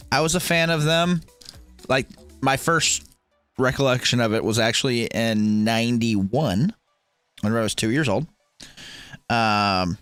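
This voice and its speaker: Lively, bright-voiced man in his thirties. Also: medium pitch. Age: 30s. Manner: profane, joking banter with chat. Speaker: livestream host. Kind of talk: casual sports watch-along chat, reading viewer comments.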